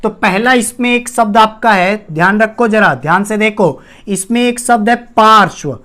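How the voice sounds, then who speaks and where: A man's voice: sits high, normal speed, bright, forceful tone. Man teaching by questions and repetition. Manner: repeats key terms and asks the class questions; addresses students as "bhaiya". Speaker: Hindi teacher. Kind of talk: classroom-style lesson on a whiteboard.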